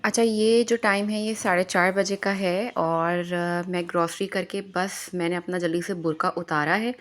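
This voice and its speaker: A homemaker woman narrates her chores in a voice-over, her voice sitting a little low. She talks in a chatty, advising way and drops English phrases into her speech. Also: steady tone, normal speed. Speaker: homemaker vlogger.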